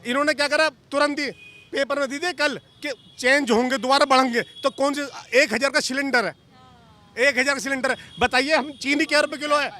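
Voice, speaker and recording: An angry young man, a mechanic, complains loudly in a street interview and lists rising prices one after another. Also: very high-pitched, fairly even intonation, fairly quick, a little hiss or hum. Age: young adult. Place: outdoors on a busy street.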